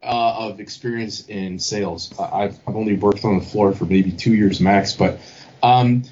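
A man's voice: on the low side, a little mellow. A man talking casually, stumbling and repeating words as he works out his point. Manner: halting, many repeated words. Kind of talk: casual chat. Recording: dull lo-fi with faint noise.

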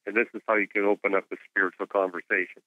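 A man speaking as a guest expert in an interview, explaining science in a measured, didactic way over a narrow phone-like connection. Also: on the low side, little pitch movement, no echo. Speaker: guest expert, astronomer and author. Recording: phone-like narrow-band radio call.

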